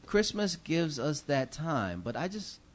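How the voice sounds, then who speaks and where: Speaking unhurriedly with big pitch swings, a middle-aged man with a higher-pitched voice delivers holiday remarks as a city commissioner. He is earnest and preacherly, uses many fillers, and sits at the dais of a council chamber before a gooseneck desk microphone.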